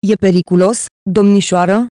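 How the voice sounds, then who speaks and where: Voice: mid-range voice, fairly even intonation, dark tone, dry recording, studio quality, lightly acted. A reader voicing an earnest local policeman in an audiobook, giving warnings. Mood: urgent.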